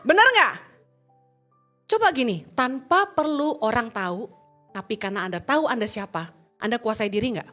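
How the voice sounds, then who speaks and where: A woman pastor preaching a sermon in a lively, joking way, quizzing the congregation and slipping in English phrases. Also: a little high, moderate pace, pauses often, faint music behind. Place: church.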